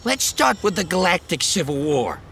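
A man voicing an excitable young man who speaks high and loud, slurring drunkenly in places. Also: normal speed, creaky, slight background noise, heavily acted. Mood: eager. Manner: high, strained, raised voice.

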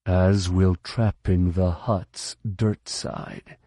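A man voicing a cold male military colonel who speaks slowly in a deliberately calm, measured way. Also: deep voice, dry recording, studio quality, heavily acted. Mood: cool, controlled.

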